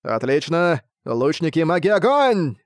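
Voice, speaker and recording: A man's voice: fairly high pitch, lively intonation, quick pace, no room sound, voice pushed up, lightly acted. A man voicing a bold, cheerful young male commander who calls out orders and teases, in a dry recording. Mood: confident. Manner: commanding, teasing shouts.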